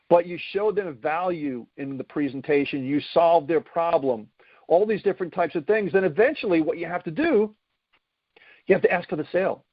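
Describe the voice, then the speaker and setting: A male sales coach delivers a motivational lesson, leaning hard on his points and checking in with "right?" and "okay?". His voice sits a little high. The recording is dry and somewhat dull and lo-fi. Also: no room sound.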